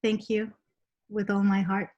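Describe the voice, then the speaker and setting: A woman's voice: mid-range voice, completely flat delivery, a little slow, a little mellow. A woman from Switzerland, a healer, introducing herself earnestly and gratefully on a video call. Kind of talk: heartfelt self-introduction. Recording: dull lo-fi call audio.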